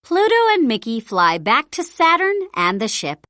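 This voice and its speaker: A woman narrating a children's storybook read-aloud in an expressive, deliberate storytelling style. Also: fairly high pitch, no room sound, studio quality. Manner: animated, deliberate storytelling delivery.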